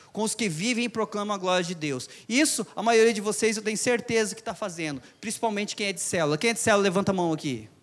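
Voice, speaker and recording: A man's voice: high voice, fairly bright tone. A man with a Brazilian Portuguese accent preaching a sermon in a church. He talks animatedly, repeats his phrases and calls out to the congregation. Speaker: lay preacher.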